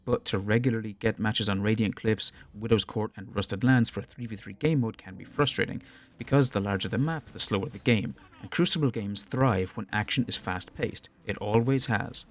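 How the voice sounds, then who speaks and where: A man reading a scripted, measured commentary on game balance for a gaming video. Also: fairly low pitch. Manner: measured, explanatory.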